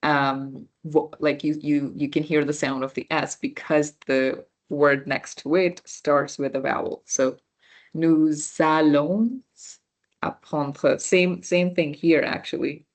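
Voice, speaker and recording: Young woman tutor explaining french basics off slides, slow, lots of um and restarts. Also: low voice, fairly even intonation. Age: young adult. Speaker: volunteer French workshop instructor. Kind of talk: slide-based beginner language lesson.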